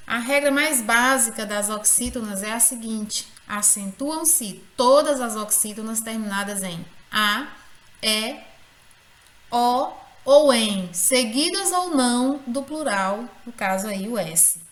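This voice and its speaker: Female teacher, deliberate, stresses syllables, unhurried, echoey room sound. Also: fairly high pitch, lively intonation, a bit bright. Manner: slow, careful, stresses syllables. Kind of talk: grammar lesson.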